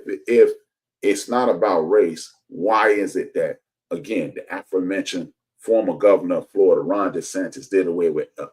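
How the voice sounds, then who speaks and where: A man's voice: deep voice, low-quality recording. A man giving an impassioned commentary monologue, hammering points through repetition with frequent restarts. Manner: preachy, repetitive rhetorical emphasis with frequent restarts.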